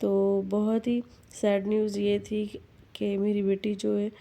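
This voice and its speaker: A young mother narrates her family vlog in an even, flat tone that barely rises or falls. She speaks calmly and without hurry, with a quiet note of worry, into a phone. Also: mid-range voice, vocal fry. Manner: calm, unhurried storytelling with mild worry.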